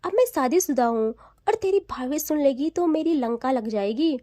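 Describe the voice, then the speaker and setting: A bossy young newlywed who snaps back and scolds her friend with quick retorts, as a woman narrator puts her on. Her voice sits high but warm, dry and close to the mic. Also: lively intonation, no echo. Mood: bossy, teasing.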